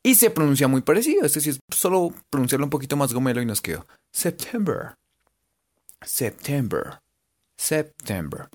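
A language teacher with a Colombian accent giving a playful lesson, spelling words letter by letter and stretching out words to sound them out. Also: mid-range voice. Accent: Colombian Spanish. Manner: animated, drawn-out sounding-out of words.

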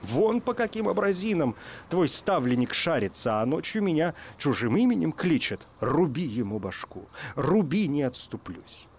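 Man doing a shrill wailing young bride. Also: big pitch swings, moderate pace, a little hiss or hum.

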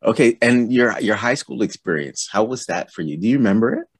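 A man hosting a casual interview, easygoing and curious as he asks questions. His voice is very low and husky, and the sound is dry and close. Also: animated, fairly quick, no echo. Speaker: podcast host.

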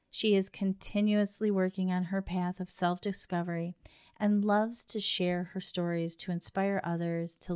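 A podcast host with a clean, lowish voice warmly reads a prepared introduction of her guest for an interview. After the scripted intro, she moves into casual conversation over a video call.

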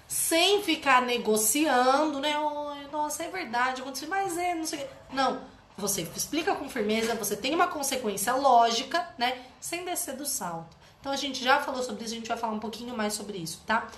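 A woman giving an animated parenting talk to an audience, often tagging her sentences with "né?". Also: on the high side, normal speed, slight background noise. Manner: animated, tags phrases with "né?". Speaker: parenting educator. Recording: roomy echo.

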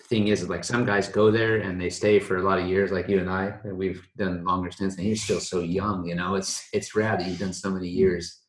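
Laid-back American male host, very low voice, echoey room, rambling casual delivery. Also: little pitch movement, brisk, hardly any pauses. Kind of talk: casual chat.

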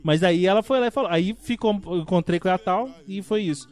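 A man co-hosting a casual podcast, telling a story in an animated way and acting out the dialogue. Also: high-pitched, a little fast.

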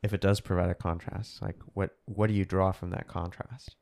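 A man's voice: low-pitched, flat delivery, moderate pace, gravelly, darkish tone. A man co-hosting a casual book discussion podcast, thinking aloud and putting questions to the others. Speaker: podcast co-host.

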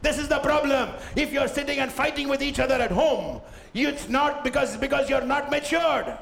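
A man preaching a sermon as pastor, forceful, firing rhetorical questions and having the congregation repeat lines after him. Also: very high-pitched, normal speed, creaky, slight background noise.

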